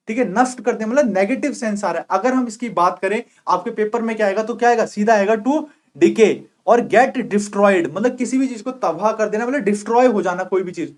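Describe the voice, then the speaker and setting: A young man with a high voice teaches an exam-prep vocabulary class. He goes over each meaning again and again and keeps checking that his students have understood. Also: darkish tone. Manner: repeats points, asks 'clear?' often.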